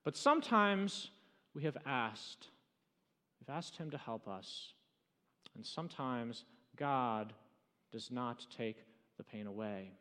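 A man preaching a sermon as pastor, swinging between loud, urgent stretches and hushed, slowed emphasis. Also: mid-range voice, smooth. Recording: long hall reverb.

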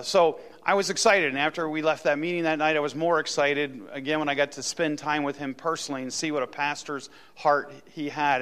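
A man's voice: fairly high pitch, fairly bright tone, clear, resonant tone. A man speaking as a pastor, addressing his congregation in an introduction for a guest speaker.

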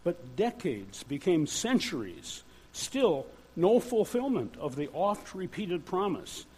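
Slow, lively-pitched older man preaching. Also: breathy edge, rough recording. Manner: measured, earnest preaching with pauses. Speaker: church speaker. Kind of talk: sermon. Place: church.

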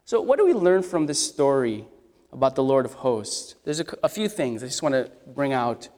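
A man with a medium-pitched, darkish, sing-song voice preaches an expository sermon at normal speed. His voice is scratchy, and he talks conversationally, putting questions to the congregation. A long hall reverb surrounds the recording.

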